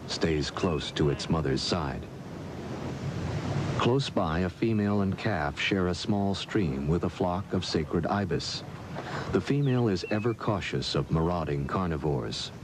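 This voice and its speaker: Deep-voiced man narrating a nature documentary. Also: background noise.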